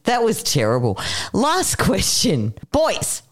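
Lively woman radio host. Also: mid-range voice. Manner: teasing, quick, laughs often. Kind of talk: cheeky late-night radio chat.

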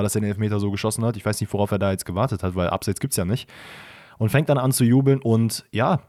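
A man's voice: mid-range voice, darkish tone, no room sound, clean studio sound. A man co-hosting a casual football podcast, talking colloquially and jumping in with corrections. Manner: quick, colloquial, jumps in with corrections. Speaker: podcast co-host.

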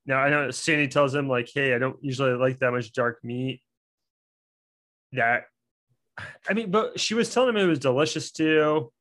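A man co-hosting a casual chat, relaxed and agreeable, often laughing as he talks. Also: mid-range voice, normal speed, pauses often. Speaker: podcast co-host. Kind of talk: casual chat recapping a reality show.

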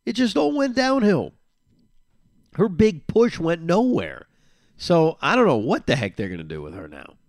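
A man's voice: fairly high pitch, wildly swooping pitch, moderate pace, no echo, clean studio sound. A man hosting a solo podcast, talking casually and sarcastically, repeating phrases for emphasis. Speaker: podcast host.

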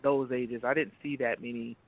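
A man's voice: medium pitch, fairly even intonation, normal speed. A man hosting a casual conversation who laughs easily and asks questions. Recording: dry, tinny phone-like audio.

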